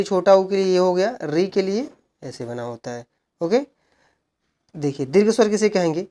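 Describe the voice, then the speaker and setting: A man's voice: high-pitched, darkish tone. Man teaching a step-by-step exam lesson. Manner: asks questions and answers them himself; slow, repeated explaining with frequent "look" and "okay". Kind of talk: exam-prep grammar lesson.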